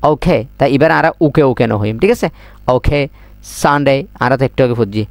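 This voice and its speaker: A man with a Chittagonian accent gives a beginner English lesson at a middle pitch, repeating each word slowly and prompting the listener to say it back. The sound is dry and close. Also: gravelly, dry recording. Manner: drills words by repeating them slowly and asking the listener to repeat. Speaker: English teacher.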